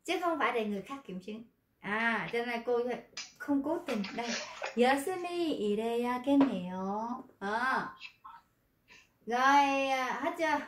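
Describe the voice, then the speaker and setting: A Vietnamese-speaking woman teaching Korean pronunciation in an online class, lively, explaining and then reading model sentences slowly. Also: on the high side, echoey room, slight background noise.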